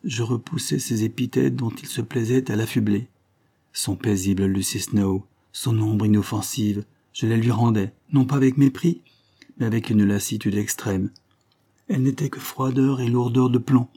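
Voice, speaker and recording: Man reading a classic novel, dark tone. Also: medium pitch, normal speed. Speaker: audiobook reader. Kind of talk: scripted narration of a classic novel.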